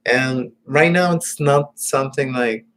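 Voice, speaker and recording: A man talks to his camera in a loose, meandering monologue at a very slow, unhurried pace. He stops and restarts often and trails off into quiet, whispered asides. His voice sits at an ordinary middle pitch. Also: poor audio. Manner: halting, meandering, many fillers and restarts; drops to muttered, whispered asides. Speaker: vlogger. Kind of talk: casual rambling monologue.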